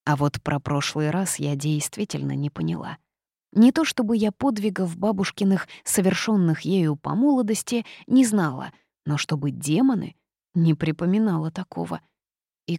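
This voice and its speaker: A woman's voice: fairly low pitch, animated, moderate pace, vocal fry, mellow, husky, no echo, clean studio sound. A woman reading a first-person storybook narration aloud in a wry, sardonic manner. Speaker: audiobook narrator.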